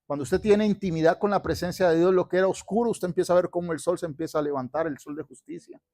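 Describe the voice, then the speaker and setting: Quick and mellow, with fairly even intonation, a high-pitched man from Colombia preaches in a church sanctuary. He asks the congregation to say his words back to him as he moves between sermon and announcements.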